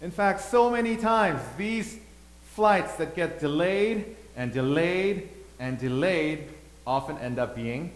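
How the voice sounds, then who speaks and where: Pastor, male, preaches a sermon with loud peaks and hushed lines, reverberant sanctuary. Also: high voice. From Thailand. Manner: dynamic, swings between loud emphasis and quiet asides. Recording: echoey hall, faint hum.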